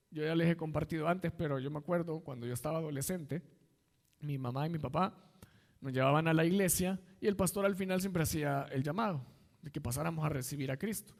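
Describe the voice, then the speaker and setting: A man's voice: fairly high pitch, big-room sound. A man, an assistant pastor, preaching a sermon in a conversational way and weaving in personal stories.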